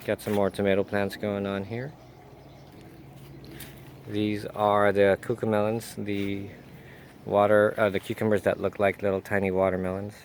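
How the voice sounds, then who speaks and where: Male gardener, low flat delivery, rambling garden-tour vlog recorded outdoors with faint background noise. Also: normal speed, pauses often. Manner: rambling, with frequent fillers and self-corrections. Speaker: home gardener. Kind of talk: casual garden walk-through.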